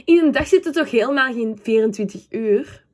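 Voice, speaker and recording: A woman voicing Terry, an excitable and dreamy young man in a storybook, who talks high, fast and pleading. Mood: amused.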